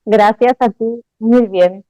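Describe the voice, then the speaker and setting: A woman's voice: on the high side, steady tone, takes it slowly, mellow, no room sound, muffled recording. A woman from Spain, a dance mantra teacher speaking reflectively as an interview guest, laughing easily. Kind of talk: interview conversation.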